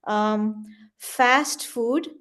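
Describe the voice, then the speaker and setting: A woman's voice: on the high side, very slow, fairly bright tone, smooth. A woman in an online workshop asking a question and reading her haiku carefully. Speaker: workshop participant. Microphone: video call.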